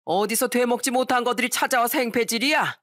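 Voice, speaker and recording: A woman's voice: on the high side, fast, no echo, clean studio sound, voice pushed up, close to an everyday voice. A woman reading an audio story, voicing an angry elderly father-in-law who scolds his greedy son. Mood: furious. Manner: shouting, scolding.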